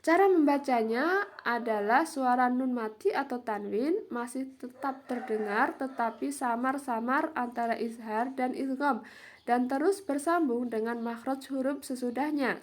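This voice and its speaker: A woman teacher explaining Quran reading rules slowly, reading each example aloud and repeating it. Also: on the high side, a little hiss or hum. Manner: slow, explains then models each example. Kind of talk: Quran recitation lesson.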